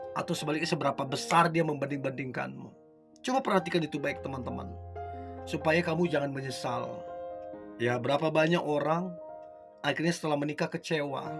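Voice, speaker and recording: A man giving relationship advice to his viewers in an earnest talk, asking the listener question after question. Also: on the high side. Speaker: motivational speaker.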